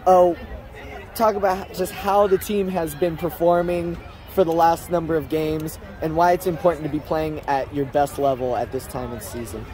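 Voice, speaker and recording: A man's voice: on the high side, fairly even intonation, normal speed. A male reporter setting up questions for a coach at a postgame press conference. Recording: outdoors with crowd noise.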